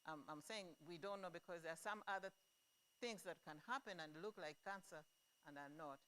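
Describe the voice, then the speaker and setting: A middle-aged woman giving an earnest, emphatic speech to an audience as an event organizer, pausing often. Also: on the low side, a bit bright. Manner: slow, earnest and emphatic, with pauses.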